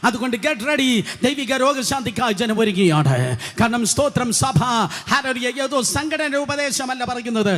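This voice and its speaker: A preacher delivers a Pentecostal sermon in a church hall. His voice sits very high for a man. He repeats key phrases and climbs into shouted calls to the congregation. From India.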